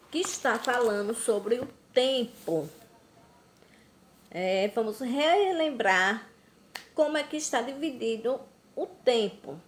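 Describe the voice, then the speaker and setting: A Brazilian woman teaching a recorded class to young children, slow and patient, drawing out words. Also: a little high, a little hiss or hum. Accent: Brazilian Portuguese. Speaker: primary school teacher. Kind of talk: recorded remote class lesson.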